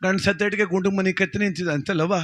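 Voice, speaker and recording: A man's voice: sits high, steady tone, fast, fairly bright tone. A man with a Mandya Kannada accent voicing a wily village man who soothes and coaxes others in a sly, reassuring way. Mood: coaxing.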